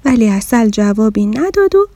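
A woman reads a children's story aloud with lively, expressive narration. Her voice sits fairly high and moves a lot. The sound is dry and close. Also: no room sound.

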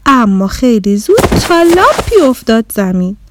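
A woman narrating a children's story in an animated, expressive way. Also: a little high, background noise.

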